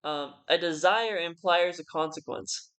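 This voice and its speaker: Someone drunk, rambling casually through an argument in halting phrases that trail off. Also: medium pitch, a bit bright. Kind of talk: casual rambling philosophical monologue.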